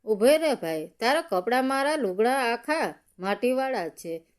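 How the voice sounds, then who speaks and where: A woman voicing a poor male farm laborer who talks in a folksy, gently joking way. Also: a little high, expressive, unhurried, clean tone. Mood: humble, teasing.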